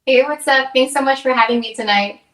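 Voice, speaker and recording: Her voice high and fairly bright, this young Hawaiian singer-songwriter chats briskly as an interview guest, upbeat and acting out quoted exchanges. The mic is distant, so her voice echoes through the room.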